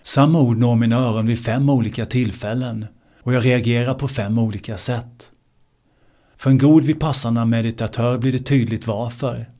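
A man teaching meditation in a slow, measured way, repeating key words for emphasis. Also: medium pitch, dark tone. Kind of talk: spiritual teaching talk.

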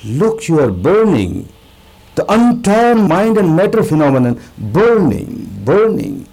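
A male meditation teacher delivers a spiritual discourse in a fairly high, creaky voice. He speaks very unhurriedly, repeating key words for emphasis and leaving deliberate pauses between short phrases. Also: mellow, poor audio.

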